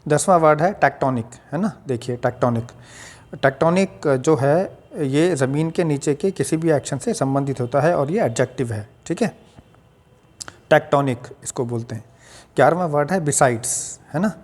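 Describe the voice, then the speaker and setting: A man's voice: on the high side, darkish tone. Indian man teaching English pronunciation. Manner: patient, explains slowly, spells words letter by letter. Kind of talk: Hindi-language pronunciation lesson.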